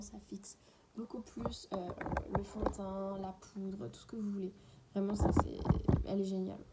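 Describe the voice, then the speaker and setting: A woman's voice: mid-range voice, heavy background noise. A woman in a casual, unedited beauty haul, chatting away and often dropping into a half-whisper. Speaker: beauty vlogger.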